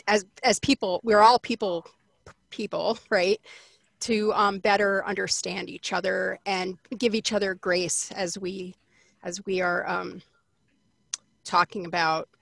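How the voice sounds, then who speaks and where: A woman's voice: mid-range voice, vocal fry, fairly bright tone, no room sound. A woman explaining a personality chart to her colleagues in a thoughtful, explanatory way during a casual meeting.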